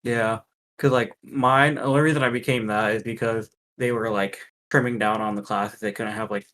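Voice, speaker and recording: A young man co-hosting a casual review podcast, halting and full of fillers, joking between points. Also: fairly low pitch, fairly even intonation, a bit bright, slight background noise. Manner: halting, filler-heavy, jokey. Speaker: podcast co-host.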